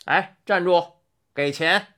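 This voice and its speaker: A woman voicing a rude, bullying male cart driver who talks gruffly and scornfully. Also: on the low side, takes it slowly, a bit bright. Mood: rough, scornful.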